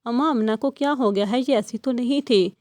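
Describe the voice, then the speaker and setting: Woman reading a spirited young student heroine, firm, high-ish voice. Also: a little mellow, no room sound, clean studio sound, lightly acted. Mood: concerned. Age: young adult. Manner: firm, affectionate, insistent. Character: bold caring young female university student.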